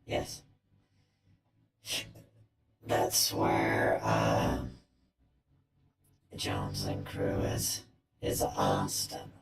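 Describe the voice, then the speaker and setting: A man's voice: very deep voice, completely flat delivery, extremely slow, vocal fry, long pauses. A man live-streaming in casual chat, speaking through a half-robotic cyborg voice filter and rambling as he trails off mid-thought. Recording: echoey, loud music behind.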